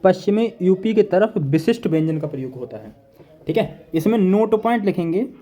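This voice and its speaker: A man with a high, warm, expressive voice teaches Hindi grammar at a moderate pace in an online exam-prep lesson. He talks while writing notes on a board, drilling each point repetitively with "देखिए" and "ठीक है".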